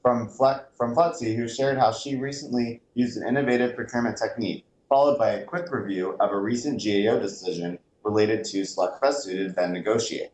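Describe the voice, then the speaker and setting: A man's voice: lowish voice, brisk, hardly any pauses, a little mellow. A man reading a scripted announcement in an upbeat, mock broadcast delivery. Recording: roomy echo with faint noise.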